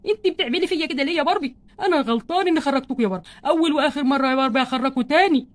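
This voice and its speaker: A woman's voice: high voice, natural voice. A woman with an Egyptian accent voicing a stingy, flustered husband doll in a play, grumbling and complaining about money. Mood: scolding. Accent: Egyptian Arabic. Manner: exasperated grumbling, fast and wordy.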